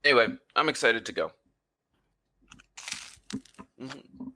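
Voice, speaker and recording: A young podcast co-host argues in casual chat, his medium-pitched voice expressive, brisk, pushed and bright. He rambles with plenty of fillers, heard through a computer mic over a voice call.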